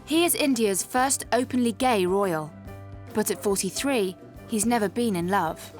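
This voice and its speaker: A woman giving scripted documentary narration in a brisk, even manner. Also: medium pitch, faint music behind.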